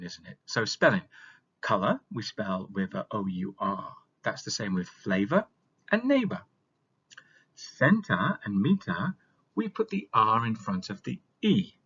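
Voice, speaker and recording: A man's voice: fairly low pitch, breathy edge. A man from the United Kingdom, teaching in a playful educational video. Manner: animated, playful, exaggerated voice for greetings. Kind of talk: lively educational video narration. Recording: dull lo-fi sound.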